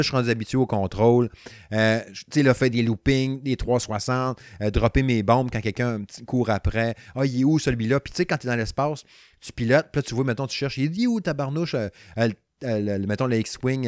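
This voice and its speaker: In a dry, close recording, a young Quebec-accented man with a mid-range voice chats casually about the game he's reviewing. His talk is an excited ramble packed with slang and false starts.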